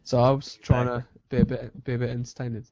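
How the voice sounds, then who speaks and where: A man's voice: medium pitch, level tone, quick pace, dull audio, heavy background noise. A man with an English accent in casual gaming podcast chat, rambling and hesitant with laughing asides.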